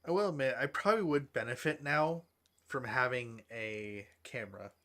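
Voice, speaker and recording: A man's voice: medium pitch, normal speed, a bit bright. A sleepy man chatting casually on a stream about his avatar model, rambling and correcting himself as he goes. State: yawning, sleepy.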